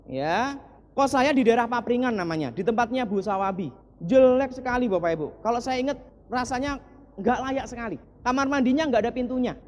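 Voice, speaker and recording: A man's voice: very high-pitched, expressive, normal speed, darkish tone. A man in his forties from East Java, telling a personal story to an audience in an earnest way, often turning to the audience with short asides. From East Java, Indonesia. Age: 40s. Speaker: motivational speaker. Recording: long hall reverb.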